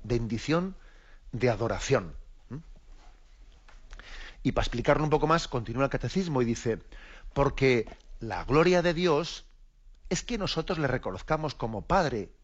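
A man's voice: mid-range voice, expressive, normal speed, long pauses, slightly rough, highs cut off. A man from Spain, a bishop, explaining the catechism in a radio lesson, reflective and repeating his words as he goes.

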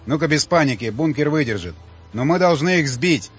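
A man doing a gruff barking army colonel. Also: fairly high pitch, lively intonation, normal speed, voice pushed up. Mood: tense. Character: stern male army colonel commanding a bunker. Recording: slightly dull audiobook audio, faint music.

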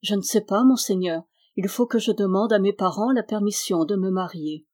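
A shy young shepherd girl from a storybook, speaking modestly and softly, as a woman reader puts her on. The voice is warm and mellow, with a gentle sadness. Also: medium pitch, moderate pace, natural voice. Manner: modest, soft-spoken.

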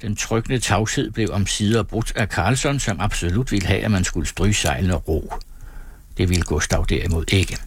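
Male audiobook narrator, low husky voice, measured reading, dry close mic. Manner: measured, storytelling. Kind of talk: scripted narration.

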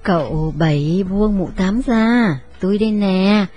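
A woman's voice: medium pitch, a little slow, warm tone, faint music behind, lightly acted. A woman voicing a young maid, scolding and coaxing a difficult master in an audio drama. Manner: scolding, exasperated.

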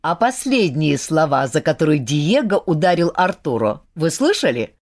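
A woman voicing a calm, authoritative older theater master who speaks in a measured, unhurried way. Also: low-pitched, full character voice.

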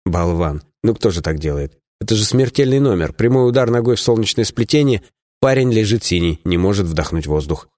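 Low-voiced man reading an audiobook. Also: a little mellow, no room sound, studio quality. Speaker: audiobook narrator. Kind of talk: first-person audiobook narration.

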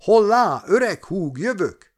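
A man's voice: medium pitch, sing-song, fairly bright tone. A gloomy, grumbling old salesman from a storybook tale, as a male narrator puts him on. He laments his age in a voice that rises and falls widely, older man's weariness in every phrase. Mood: exultant calls.

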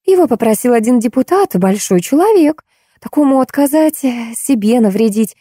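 A woman reading the lines of a weary middle-aged woman who patiently calms her quarrelsome companion, in an audiobook. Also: on the high side, normal speed, husky, dry recording, clean studio sound, pitched above the performer's own voice. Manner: patient, then exasperated.

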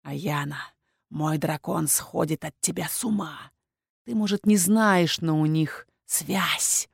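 A woman reading the lines of a possessive young dragon-shifter man in a hushed, insistent, heated tone, in an audiobook. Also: on the low side, expressive, measured pace, no echo, clean studio sound. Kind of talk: audiobook character voice.

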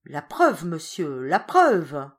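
A woman reads the part of an irascible aging rich father in a storybook, loud and indignant in his outbursts. Her voice sits a little low for a woman and stays close to her narrating tone. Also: expressive, normal speed. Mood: distraught.

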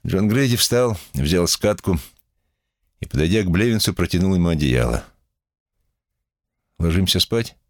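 A man reading an audiobook as narrator in an expressive, measured way. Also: deep voice, no echo, studio quality. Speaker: audiobook reader. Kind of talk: scripted narration.

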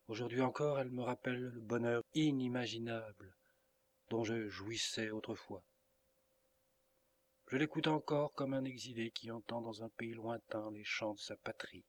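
A man's voice: mid-range voice, steady tone, normal speed, close to an everyday voice. A man reading the lines of an earnest young woman in love, in a pleading, emotional audiobook reading. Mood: tender.

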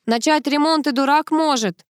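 A woman voicing a boastful male talking raven who mimics human speech, in a loud cawing delivery. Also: sits high, normal speed, no room sound, clean studio sound, voice pushed up, close to an everyday voice. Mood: smug.

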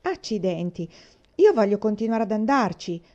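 A woman's voice: mid-range voice, animated, fairly quick, dark tone, dull audio, close to an everyday voice. A woman reading aloud, voicing a young boy who talks in an authoritative, lecturing way. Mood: protesting. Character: bossy young boy, eager club leader.

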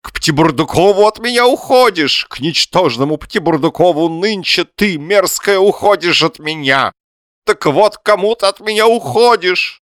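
A man voicing a pompous, self-pitying middle-aged husband who whines in a high, nasal, drawn-out declaiming voice. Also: animated, a bit bright, no echo, studio quality. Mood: theatrical lament.

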